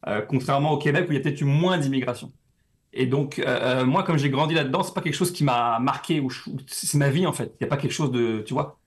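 A young man from France, a guest in a casual interview, talking in a relaxed, rambling way with many fillers. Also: medium pitch, fast talker.

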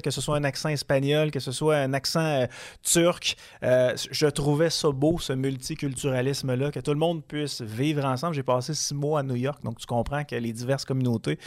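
A man's voice: mid-range voice, a little mellow. A man with a Québécois French accent hosting a casual interview, chatty, familiar and joking. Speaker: host.

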